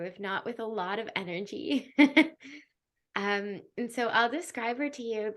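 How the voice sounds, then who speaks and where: A young woman hosts a podcast and gives a spiritual guidance reading in a relaxed, chatty way. Her speech is full of fillers and small laughs. She often drops into a soft, hushed voice while she describes what she sees. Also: fairly high pitch. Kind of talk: casual podcast chat and intuitive reading.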